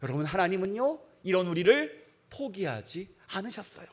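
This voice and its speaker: A male pastor delivers a sermon in a church. His voice sits very high for a man, and he preaches emphatically, often putting questions to the listeners. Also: very animated, moderate pace. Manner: emphatic, with many rhetorical questions to the congregation.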